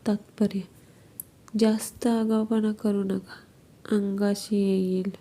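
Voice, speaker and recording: Slow, flat-voiced woman reading jokes. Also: on the high side, low-quality recording. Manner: reads every character's line herself, naming each speaker before the line. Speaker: joke reader.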